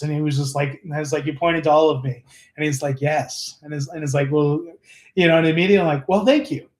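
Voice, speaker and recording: A man chatting on a live stream about his craft, telling stories in an earnest, rambling way with lots of fillers and restarts. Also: on the high side. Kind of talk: casual live-stream chat. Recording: roomy echo.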